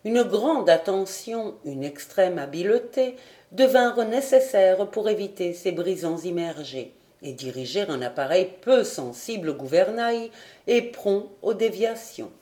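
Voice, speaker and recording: A woman reading a classic adventure novel aloud in a clear, measured narration. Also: medium pitch, animated, dark tone. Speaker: audiobook reader. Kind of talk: scripted narration.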